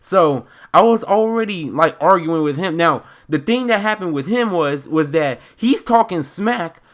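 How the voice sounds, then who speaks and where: Young man, American accent, slightly high voice, animated storytime rant, slangy, rambling, indignant emphasis. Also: measured pace. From Chicago, United States.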